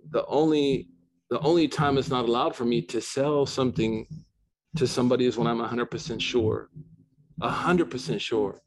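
The audio is poor in this informal lecture on Islamic rulings by a middle-aged man with a medium-pitched voice. He speaks conversationally, restarting often and wandering into asides, and Arabic is not his native language.

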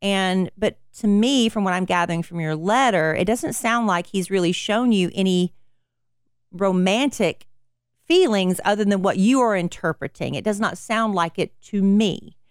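A woman's voice: medium pitch, normal speed, smooth, no echo, studio quality. A middle-aged woman hosting an advice podcast, giving frank, blunt advice in a casual, folksy way.

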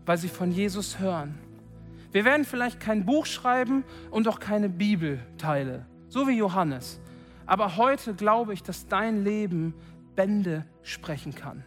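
A man preaches a sermon at a church service, his voice sitting fairly high. He pleads earnestly and builds to loud, impassioned calls. Soft music plays behind him.

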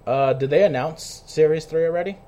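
A man's voice: on the high side, a little fast, warm tone. A man hosting a casual podcast, chummy and slangy, swearing freely. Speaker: podcast host. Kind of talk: casual interview chat.

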